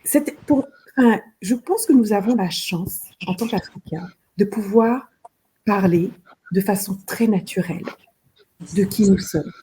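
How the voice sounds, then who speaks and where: A woman's voice: mid-range voice, measured pace, dark tone, slight background noise. A middle-aged woman from Benin, a fashion designer, talking earnestly in an interview and often repeating words as she searches for them. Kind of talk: interview conversation.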